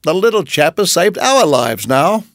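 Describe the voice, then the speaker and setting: Man doing a hearty big householder, pitched up, gravelly, storybook reading. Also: very animated, measured pace, a bit bright, dry recording, clean studio sound, exaggerated voice. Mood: relieved. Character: big grateful grown man, master of the house.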